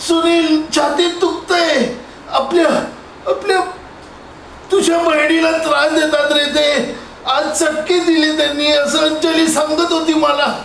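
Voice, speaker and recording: A man's voice: extremely high pitch, a bit bright, full character voice. A man acting a distraught middle-aged father who defends his married daughter in an impassioned, pleading and threatening one-man phone scene. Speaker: solo amateur actor. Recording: echoey room with faint noise.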